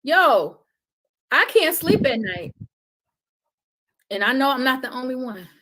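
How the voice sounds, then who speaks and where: A woman's voice: sits high, very animated, unhurried, a bit bright. A woman guest on a podcast, talking with emphatic, sermon-like repetition about love and healing. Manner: emphatic, preaching cadence, repeats phrases for weight. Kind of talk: impassioned conversational testimony.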